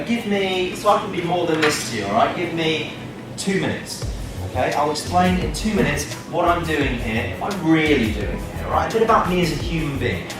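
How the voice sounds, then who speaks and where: A man, giving a lively, jokey talk to students with quick asides. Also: a little high. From Manchester, England. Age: 30s. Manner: animated and jokey, with quick asides and acted-out quotes. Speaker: speaker for students. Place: indoor classroom with a student audience. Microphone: camera at the back of the room. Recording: echoey room from far off, music behind.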